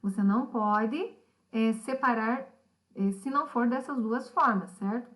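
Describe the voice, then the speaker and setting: A middle-aged woman teaching a recorded lesson, patient and explanatory. Her voice sits a little high. She keeps asking her pupils questions as she goes. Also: unhurried.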